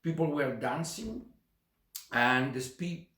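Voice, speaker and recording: With a mid-range, fairly bright voice and lively intonation, a middle-aged man from Chile teaches percussion at a slow pace. He speaks with a Chilean Spanish accent, counts beats aloud, and uses many fillers, in an echoey room with faint noise during this relaxed lesson.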